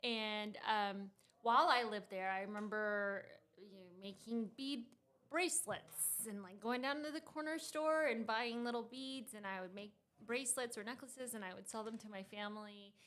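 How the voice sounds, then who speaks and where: A Costa Rican startup founder in her thirties is a guest in a casual studio interview, laughing often and using many fillers and restarts. Her voice is medium-pitched, a bit bright, at a moderate pace.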